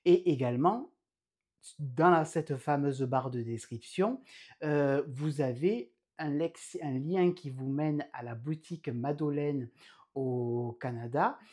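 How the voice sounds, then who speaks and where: A man's voice: fairly high pitch, takes it slowly, a little mellow. A man hosting his own knitting podcast indoors at home, chatting casually and rambling with frequent hesitations. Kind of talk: casual chat.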